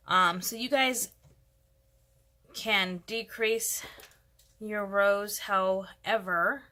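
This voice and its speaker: Bright, gravelly-voiced woman teaching crochet. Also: mid-range voice. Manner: chatty, relaxed, thinking aloud with fillers. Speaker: crochet tutorial host. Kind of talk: casual step-by-step craft tutorial.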